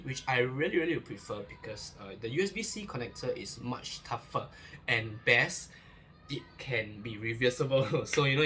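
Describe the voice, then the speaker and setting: A man's voice: medium pitch, pushed and bright, a little hiss or hum. Chatty man unboxing gear. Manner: chatty, many fillers and restarts, joking asides. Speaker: gear reviewer. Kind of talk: casual unboxing review.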